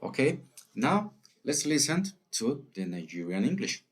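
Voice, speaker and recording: A man narrating a recorded lesson in a deliberate way, with fillers. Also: mid-range voice, sing-song. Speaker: teacher.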